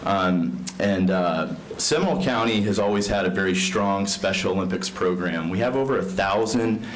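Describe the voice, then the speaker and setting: A deep-voiced man gives earnest, formal remarks to a county board, dotted with uh fillers. The speech sits over a faint hum of background noise. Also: normal speed, poor audio. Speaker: county sports and tourism director. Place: county commission chamber.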